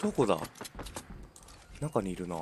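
A man's voice: deep voice, sing-song, moderate pace. A man playing as a polite teammate, teasing his partner and laughing often during a game. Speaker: gaming teammate. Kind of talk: casual gameplay chat, polite junior speech. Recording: loud game noise behind.

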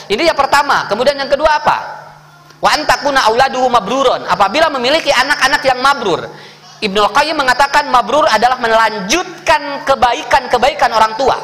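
A man with a Sundanese accent giving a lively, joking sermon, acting out the voices of the people in his stories. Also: very high voice. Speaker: preacher. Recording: echoey hall with faint background noise.

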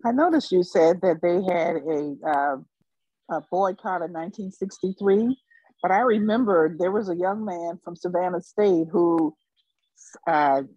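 Attendee woman, low and mellow voice, dry lo-fi audio. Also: breathy edge, no echo. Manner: recalling a memory. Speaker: workshop attendee. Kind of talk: audience question.

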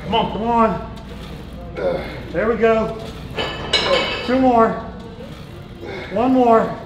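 A middle-aged man coaching a leg workout in a large indoor gym, counting reps loudly and urging his partners on, then calmly explaining the machines. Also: very high voice, very slow, dull audio, noisy background. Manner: loud rep-counting encouragement. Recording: echoey gym with loud music.

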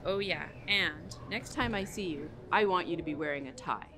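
A woman's voice: lowish voice, normal speed, sharp tone, soft background music. A woman acting in a student film, playing a strict, sarcastic new vice principal with a dry, commanding manner. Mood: stern. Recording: noisy amateur school video recording.

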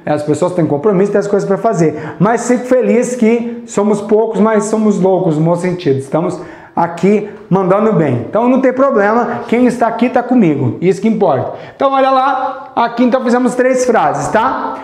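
Brazilian man teaching English live, high voice. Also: lively intonation, darkish tone, roomy sound. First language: Portuguese. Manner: chatty, encouraging, repeats example phrases slowly; sings snippets of songs to teach. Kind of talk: live online English lesson.

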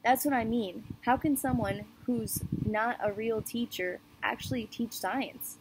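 A woman's voice: on the high side, measured pace, background noise. A woman voicing a sarcastic ten-year-old schoolboy who asks blunt, sneering questions. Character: snide, sarcastic boy classmate, about ten.

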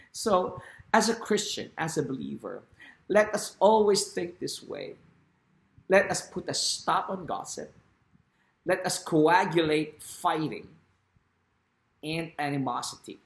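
A man in his forties giving a short vlog sermon from his living room, speaking earnestly and quoting scripture into a laptop webcam. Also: a little high. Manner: slow, earnest preaching with Bible quotes. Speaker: pastor. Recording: echoey home room.

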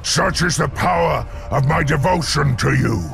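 A man voicing a devoted, pompous orc servant in a video game, gravelly and formal. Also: on the high side, moderate pace, shouting, over music. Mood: proud devotion.

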